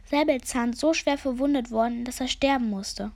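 A woman voicing a gloomy, self-important old male raven sage with a croaking voice and a grave, solemn way of speaking. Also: high-pitched, normal speed, a little mellow. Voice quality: croaking, rasping.

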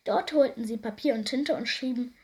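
A woman reads a children's story aloud with an expressive, lively delivery. Her voice sits fairly high and she shapes each sentence for young listeners. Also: moderate pace, slightly rough.

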